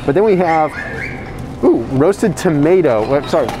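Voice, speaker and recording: A man speaking through a face mask in a grocery store aisle, reviewing frozen food in a chatty way and reading the labels out loud. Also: on the high side, expressive, normal speed, heavy background noise. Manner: chatty, reads labels aloud. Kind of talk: casual product review.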